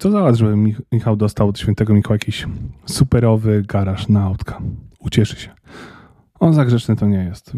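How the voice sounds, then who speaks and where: A man's voice: on the low side, dark tone, no echo, studio quality, natural voice. A man reading a young boy in hospital. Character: young boy in a hospital bed, sulky then brave.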